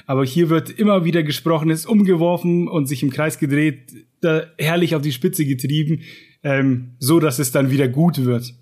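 A man's voice: fairly high pitch, moderate pace, a little mellow. A man co-hosting a podcast on writing, chatting casually and enthusiastically, then reading a book passage aloud. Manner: enthusiastic, colloquial, with fillers. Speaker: podcast co-host.

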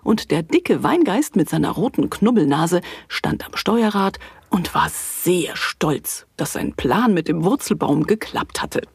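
A woman narrating a children's audio story in a playful, animated way. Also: fairly low pitch, unhurried, creaky, breathy edge, no room sound, studio quality.

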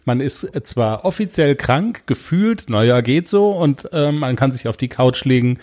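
A man's voice: medium pitch, lively intonation, normal speed, a little mellow. A man co-hosting a podcast, chatting casually and rambling through free associations. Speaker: podcast co-host. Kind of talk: casual chat.

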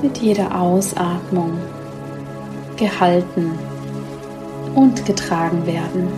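A woman guiding a sleep meditation like a bedtime sleep story narrator, speaking softly and soothingly with long, slow pauses. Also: fairly low pitch, over loud music. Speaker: podcast host leading a guided sleep meditation.

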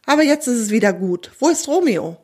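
An earnest mare from a children's storybook, high-voiced and plain-spoken as she explains herself, as a woman puts her on. Her voice lifts well above the reader's own. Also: animated, fairly quick, darkish tone. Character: female mare, startled then calmed.

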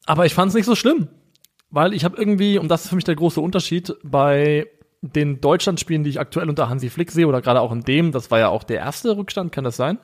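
Ein Mann, der als Co-Host in einem lockeren Podcast ruhig und sachlich Fußballspiele analysiert. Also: male voice, a little high. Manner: measured, analytical. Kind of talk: casual football analysis.

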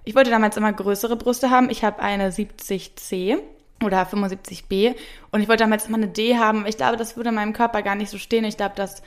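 A woman's voice: mid-range voice, fairly even intonation, fairly quick. A woman co-hosting a podcast in casual chat, playful, teasing and chatty. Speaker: podcast co-host.

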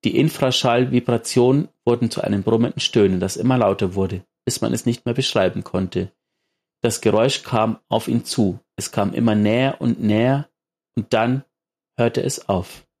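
A man narrating a story aloud in a measured audiobook reading. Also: medium pitch, darkish tone.

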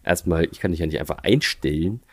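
A low-voiced man who runs a tiling business chats on a podcast. He talks in a halting way and keeps restarting his sentences. The sound is dry and close. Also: dry recording. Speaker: guest, tiling business owner. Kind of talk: casual podcast chat.

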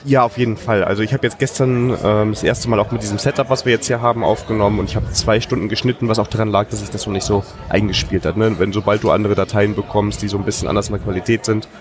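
A man's voice: lowish voice, steady tone, fast, few pauses, over music. A man hosting a podcast interview, asking loose questions full of fillers. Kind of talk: casual interview. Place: busy hacker congress hall. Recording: crowd noise of a busy venue. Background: crowd chatter.

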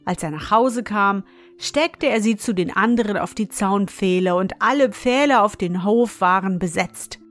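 A woman reads a fairy tale aloud, slowly and calmly. Her pitch sits in the middle of the range. Soft music plays faintly behind her. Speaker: narrator.

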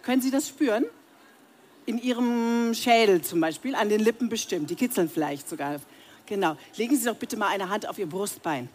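Expressive and mid-range, with a darkish tone and a moderate pace, a woman voice coach speaks straight to the audience in a seminar room. It's a live voice training workshop in which she guides breathing and humming exercises and demonstrates the sounds personally.

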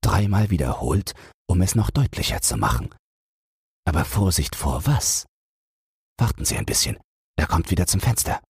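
Male reader as keen analytical detective, low husky voice, dry close mic. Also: sing-song, a little mellow, no room sound, full character voice. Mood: calm. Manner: measured, reasoning aloud. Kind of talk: audiobook read for sleep.

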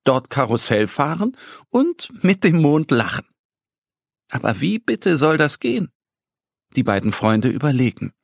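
A man narrating a children's story in a gentle, lively storytelling voice. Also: medium pitch, measured pace, gravelly, dry recording, studio quality.

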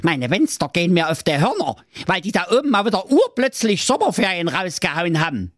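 A fed-up, foul-mouthed mother goat, played by a man nags and rants in a broad Saxon accent. The voice sits high and leaps about wildly in this comic audio fairy tale, recorded dry and close. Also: very animated, fairly quick, no room sound. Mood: scheming chatty. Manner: nagging, ranting.

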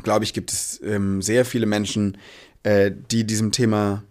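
A man's voice: on the low side, flat delivery, normal speed, darkish tone. A man answering as an interview guest in a casual, earnest and reflective way, often searching for his words.

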